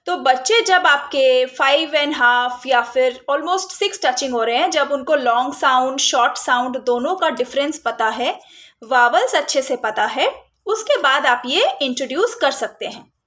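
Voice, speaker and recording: A woman's voice: high-pitched, animated, a bit bright. A woman explaining a phonics spelling rule to parents, patiently sounding out letters and words, mixing in English terms. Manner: slow, patient, mixes Hindi and English words. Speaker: phonics teacher and parenting vlogger.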